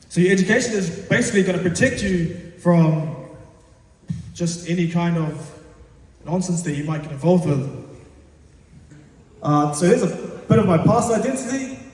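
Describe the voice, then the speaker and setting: A man's voice: fairly high pitch, warm tone. A man giving an earnest, encouraging school lecture as a teacher, speaking hesitantly like an unpractised public speaker. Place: large reverberant indoor assembly space. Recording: echoey hall, distant microphone.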